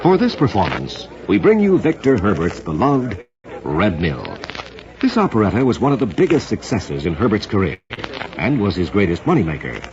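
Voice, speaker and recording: An American man announces as a radio program host, reading from a script in a formal, polished, theatrical old-time style. His lowish voice swoops wildly in pitch at a normal speed. It's a dull old radio transcription with music and background noise.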